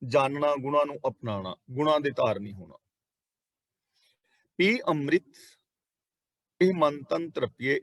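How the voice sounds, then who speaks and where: A man with a Punjabi accent teaches a Sikh scripture passage line by line, in a slightly high voice. He draws out each quoted verse slowly and then explains it plainly. The recording is close and dry. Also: no room sound.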